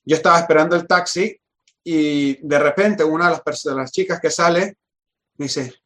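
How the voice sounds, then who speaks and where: A man casually telling a long anecdote in an interview, animated and full of restarts and repeated words. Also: on the high side, normal speed. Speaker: guest telling a work story.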